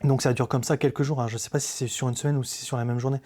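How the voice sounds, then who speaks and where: A man giving a personal faith testimony in a podcast conversation, speaking earnestly and haltingly, with many hesitations. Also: mid-range voice, flat delivery, dark tone. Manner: earnest, confessional.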